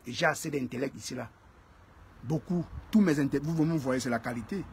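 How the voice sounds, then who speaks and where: A man's voice: medium pitch, brisk, a little mellow, a little hiss or hum. A man hosting a casual live stream, greeting viewers by name and repeating phrases for emphasis.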